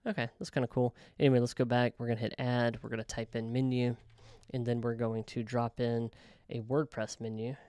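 A man casually talking through a software tutorial, thinking aloud with frequent ums and self-corrections. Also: mid-range voice, little pitch movement, a little fast, clear, resonant tone, no echo, clean studio sound. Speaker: web developer tutorial host. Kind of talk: casual screen-recorded software walkthrough.

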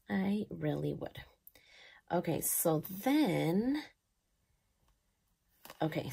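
A woman in her thirties chatting casually as she decorates her planner, gushing and thinking aloud, sometimes dropping soft. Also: fairly low pitch, gravelly, a little hiss or hum. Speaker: planner vlogger.

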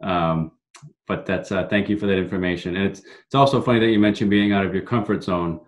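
A man's voice: low-pitched, fairly even intonation, a little fast. A man in his thirties hosting a video call interview from a home room, friendly and thankful with small hesitations. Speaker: town manager hosting a talk show. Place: home room with framed pictures. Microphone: laptop webcam video call.

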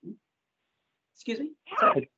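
Woman, corporate presenter on a video call; brisk, filler-heavy, muffled lo-fi audio. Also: a crowd in the background. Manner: many ums and uhs, brisk. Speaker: corporate community engagement presenter.

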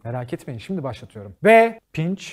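A man hosting a comedy show, joking and cursing freely in an animated monologue, often laughing as he talks. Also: on the high side, fairly quick. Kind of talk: stand-up style monologue to a studio audience.

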